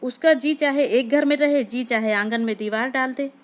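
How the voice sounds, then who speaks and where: A woman's voice: sits high, steady tone, moderate pace, close to an everyday voice. A woman voicing a weary middle-aged village aunt who gives tired, curt replies.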